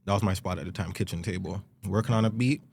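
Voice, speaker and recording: A man with a fairly low voice tells a story in a loose, casual way, acting out every quote. He drops into slang and swears often. A little background noise sits behind him. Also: fast, vocal fry. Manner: animated, acts out quotes, swears freely. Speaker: guest musician.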